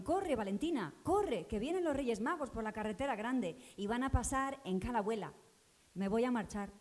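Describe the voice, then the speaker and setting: A woman's voice: mid-range voice, a little mellow, close to an everyday voice. A woman playing Valentina, a pleading village girl. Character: Valentina, poor village girl remembering childhood. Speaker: actor in a stage reading. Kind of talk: theatre reading.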